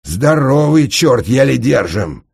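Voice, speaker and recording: Man doing a hoarse, gruff burly policeman. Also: mid-range voice, very animated, slow pace, a little mellow, voice pushed up, full character voice. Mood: straining. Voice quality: wheezing, hoarse.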